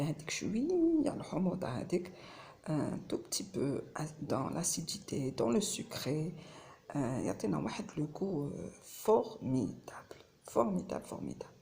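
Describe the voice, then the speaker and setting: A woman's voice: low voice, gravelly, warm tone, a little hiss or hum. A woman with an Algerian accent mixing Arabic and French, chatting casually through a home cooking vlog. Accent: Algerian Arabic mixed with French.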